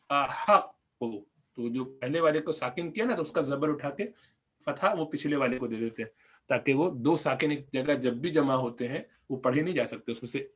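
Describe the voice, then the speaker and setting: A man with a Pakistani Urdu accent teaching Arabic grammar in a recorded lesson, explaining patiently, repeating words slowly and putting questions to the class. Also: on the high side, a bit bright.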